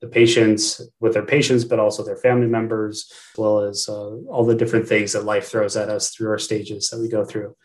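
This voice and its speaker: A man's voice: fairly low pitch, level tone, fairly quick, hardly any pauses, darkish tone. A man with an American accent hosting a podcast interview, speaking hesitantly with many restarts. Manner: hesitant, with repeated restarts and fillers. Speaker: podcast host.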